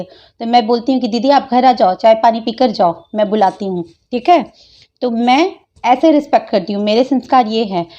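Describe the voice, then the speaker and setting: Scolding woman, mellow lo-fi voice. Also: fairly high pitch. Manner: taunting, scolding, mocking. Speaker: YouTuber replying to a critic. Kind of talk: angry reply vlog.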